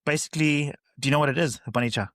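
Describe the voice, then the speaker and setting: Fast-talking South African man. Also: on the high side, fairly bright tone, no echo, clean studio sound. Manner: chatty storyteller, swears casually. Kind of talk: casual chat.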